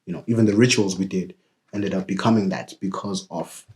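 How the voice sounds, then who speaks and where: Very deep-voiced man explaining haltingly. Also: fairly even intonation, darkish tone. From South Africa. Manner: halting, filler-heavy explaining, often says "you know what I mean". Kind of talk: casual podcast conversation.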